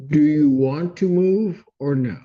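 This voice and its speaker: A man's voice: fairly high pitch, takes it slowly. A man presiding as judge, firmly questioning and cutting in with repeated "ma'am". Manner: firm, interrupts with repeated "ma'am". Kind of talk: courtroom questioning. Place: courtroom. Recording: dull courtroom audio.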